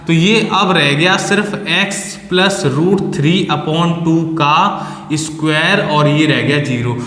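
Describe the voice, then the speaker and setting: A man's voice: on the high side, takes it slowly, bright, forceful tone. Man teaching maths in an echoey room. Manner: patient, step-by-step explaining, mixing in English terms. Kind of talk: board lesson explanation. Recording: echoey room with long reverb.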